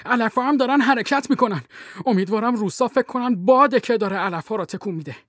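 A woman voicing an excitable male army captain who gives a tense, halting running commentary in an audiobook. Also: a little high, no room sound, clean studio sound, close to an everyday voice. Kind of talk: audiobook role reading.

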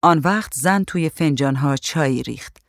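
Calm male storyteller, dry close sound. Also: fairly high pitch, no echo. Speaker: narrator. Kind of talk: storybook reading.

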